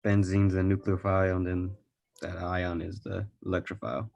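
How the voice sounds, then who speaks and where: Male student, deep flat voice, gravelly, muffled distant pickup. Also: moderate pace. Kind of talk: answering in class.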